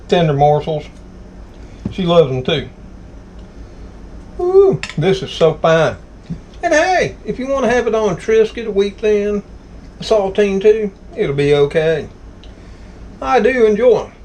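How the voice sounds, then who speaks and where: A man's voice: high voice, darkish tone, slight background noise, poor audio. A man with a Southern US accent hosting a casual home cooking vlog, folksy and exclamatory as he savors his food. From Southern United States. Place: home kitchen.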